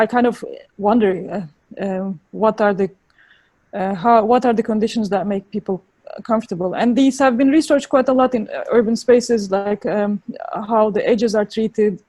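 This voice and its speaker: Female interviewee, Turkish accent, soft-edged relaxed tone, thoughtful and halting, very dry close sound. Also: medium pitch, no room sound. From Turkey. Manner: thoughtful, halting, searching for words. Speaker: interviewed urban designer. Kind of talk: spoken interview answers.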